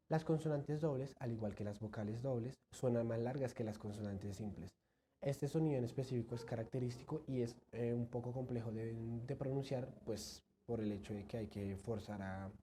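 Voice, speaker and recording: A man's voice: medium pitch, warm tone, a little hiss or hum. A man giving an explanatory lesson, methodically spelling out sounds and example words. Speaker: language teacher.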